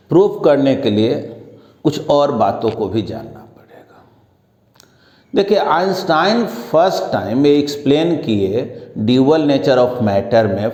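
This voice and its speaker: Slow, echoey male physics teacher. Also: on the high side, dark tone. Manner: slow, explanatory, mixes English terms into Hindi. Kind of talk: classroom lecture. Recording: echoey room with long reverb.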